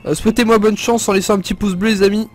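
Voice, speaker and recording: Excitable man commenting on his gameplay. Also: high-pitched, very fast. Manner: excitable, joking, laughs often. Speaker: let's play gamer.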